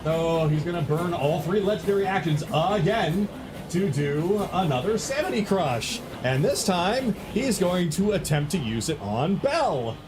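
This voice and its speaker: A man's voice: sits high, big pitch swings, a little slow, noisy background. A man acting as dungeon master of a tabletop game, talking casually, laughing and swearing freely. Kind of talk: running a tabletop game over voice chat.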